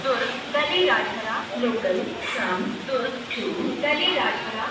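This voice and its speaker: A woman giving train announcements over a station loudspeaker, in slow, measured, evenly spaced words. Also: on the high side. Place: busy railway station platform. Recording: echoey loudspeaker heard from far off. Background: loud station noise and passing trains.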